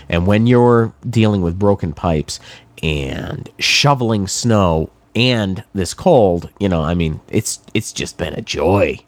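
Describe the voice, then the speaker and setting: Mężczyzna z katarem, niski, suchy głos. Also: male voice, low voice, no room sound. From New England. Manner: wry, sarcastic, rambling with many fillers. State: has a cold, congested. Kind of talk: casual monologue.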